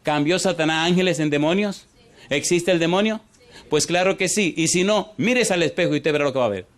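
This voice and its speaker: A man preaching a sermon as pastor, animated, quizzing the congregation with repeated yes-or-no questions and swinging between rushed and drawn-out delivery. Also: a little high. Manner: animated, shifts pace from fast to drawn out.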